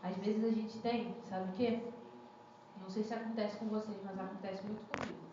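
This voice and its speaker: A woman's voice: mid-range voice, flat delivery, moderate pace, noisy background. A young woman preaching a sermon in a church, chatty and full of questions to the congregation. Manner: conversational, asks the congregation questions. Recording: echoey church hall, muffled lo-fi sound.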